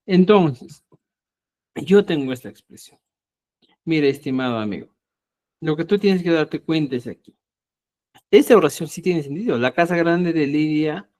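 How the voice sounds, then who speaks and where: A middle-aged man leads a live online language class. His voice sits a little high for a man. He goes over each point patiently and keeps asking students whether they follow. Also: a little mellow. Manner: patient, repetitive, checks understanding with frequent "ya?". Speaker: Quechua language teacher.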